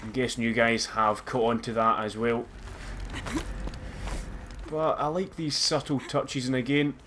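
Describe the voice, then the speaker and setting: A man's voice: mid-range voice, little pitch movement, unhurried, noisy background. A man with a Scottish accent giving casual, chatty and self-mocking commentary over a game as a let's play host. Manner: chatty, self-mocking, bursts into loud laughs.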